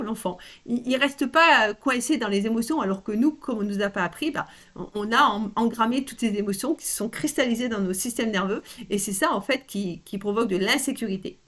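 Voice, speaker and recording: An older woman coach giving a casual spoken workshop, talking straight to the listener in a chatty, expressive way with frequent restarts. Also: on the high side. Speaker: personal development coach.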